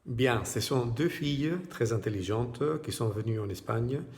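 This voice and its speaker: A man slowly and carefully reading example sentences aloud. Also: mid-range voice, darkish tone.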